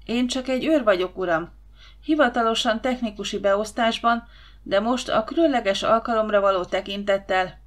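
A woman's voice: medium pitch, lightly acted. Lady doing a polite guard guy, deferential, little wordy, audiobook. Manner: polite, keeps saying sir.

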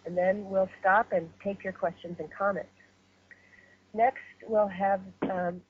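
A woman hosting and facilitating a webinar call, speaking in a measured way with many fillers and restarts. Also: fairly low pitch. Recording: muffled phone-line webinar audio.

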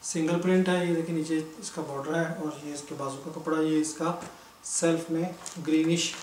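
A man, a clothing seller briskly listing items in a sales walkthrough. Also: a little high, steady tone. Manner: brisk, matter-of-fact listing. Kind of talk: product walkthrough sales pitch. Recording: echoey room, distant mic, background noise.

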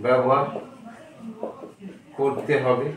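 Guy teaching grammar real slow, keeps repeating and spelling stuff out, very echoey room, mic far off. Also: mid-range voice, flat delivery, a little hiss or hum. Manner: repeats words and spells them out letter by letter. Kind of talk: slow classroom-style lesson.

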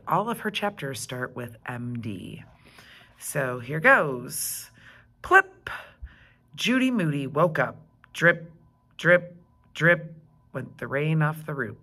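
A woman reading a children's chapter book aloud as a teacher, expressive and engaging. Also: low voice. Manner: expressive, slow and animated.

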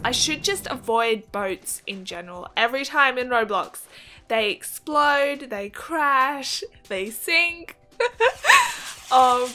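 Excitable high-voiced woman narrating gameplay. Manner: excitable, gasping and giggling, chatty reactions. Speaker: gaming video host. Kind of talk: game commentary.

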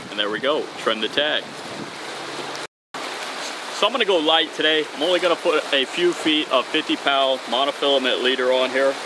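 On a bridge above open water, a man in his thirties with a medium-pitched voice hosts a fishing tutorial at a moderate pace. He keeps things casual and upbeat as he ties knots with his hands, and the outdoor audio picks up wind and water noise.

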